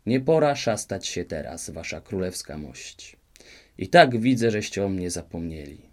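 A bitter old fairy woman grumbles and mutters in this storybook reading, curt and menacing. A man with a lowish voice acts her out, sour in every word. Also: big pitch swings, measured pace, full character voice.

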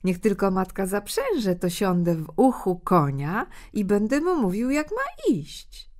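A woman voicing a clever, lively thumb-sized peasant boy in a fairy tale, calling out high and eager. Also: unhurried. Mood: eager, bold. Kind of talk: storybook reading.

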